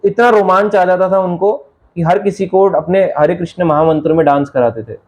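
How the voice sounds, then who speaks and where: Brief: male devotional lecturer, high voice, chatty and jokey, tells stories with humor. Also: normal speed, a little mellow, highs cut off. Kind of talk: Hindi spiritual lecture with anecdotes.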